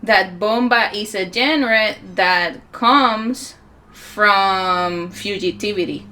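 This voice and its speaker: A woman in her forties with a Puerto Rican accent, giving a reflective conference talk with many pauses. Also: mid-range voice, bright, forceful tone. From Puerto Rico. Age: 40s. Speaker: musician and healer speaking at a conference.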